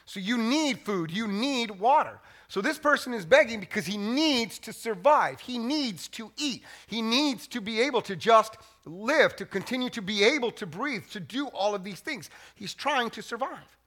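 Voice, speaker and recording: A man's voice: sits high, lively intonation, moderate pace, hardly any pauses, a bit bright. A man preaching a sermon as pastor, conversational and joking, often repeating words as he restarts.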